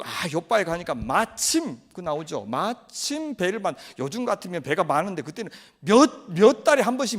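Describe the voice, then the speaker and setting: A male pastor preaching a sermon, keeping the congregation engaged by throwing questions at them. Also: sits high. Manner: animated, quizzes the congregation with questions.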